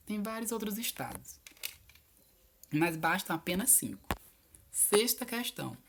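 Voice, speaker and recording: A woman teacher, patiently going over homework answers in a recorded video lesson and spelling out each word slowly. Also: fairly low pitch. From Piauí, Brazil.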